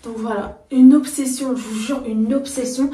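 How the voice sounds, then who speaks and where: A woman's voice: high voice, fairly even intonation, normal speed, dark tone. A young woman chatting enthusiastically to her viewers in a casual vlog, talking them through things she picked up. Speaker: vlogger. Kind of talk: casual haul chat to camera. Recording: echoey room.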